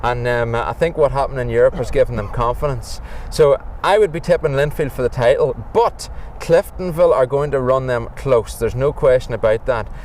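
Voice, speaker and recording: An older man with a Northern Irish accent giving measured, hesitant opinions in an unscripted sports interview. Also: mid-range voice, darkish tone. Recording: distant, noisy outdoor traffic.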